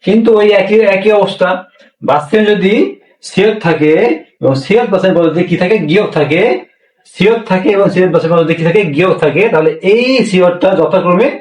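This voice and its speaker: A man's voice: high-pitched, fast, a little mellow. Echoey, distant male language teacher. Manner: repetitive, asks questions and answers them himself. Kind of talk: classroom lesson explaining pronunciation. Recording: echoey room, mic far off.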